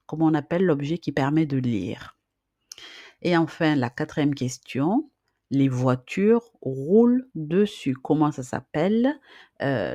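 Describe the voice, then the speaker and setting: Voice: mid-range voice, dark tone, no room sound, lo-fi sound. A teacher giving a beginner reading lesson, drilling syllables one by one and patiently repeating questions, with casual fillers between explanations. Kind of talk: slow, deliberate teaching for beginners.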